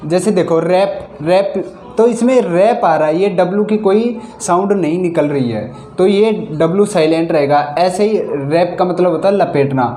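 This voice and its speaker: A woman's voice: lowish voice, normal speed, mellow, slight background noise. Patient woman teacher spelling words aloud. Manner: spells words out letter by letter and glosses each meaning; patient, repetitive explaining. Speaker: English grammar teacher. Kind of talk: Hindi-medium classroom lesson. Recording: echoey room.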